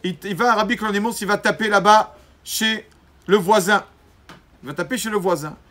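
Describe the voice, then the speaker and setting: Male rabbi, somewhat high voice, lively storyteller who plays the people in his tales and corrects himself mid-sentence. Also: normal speed. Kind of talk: storytelling Torah lesson.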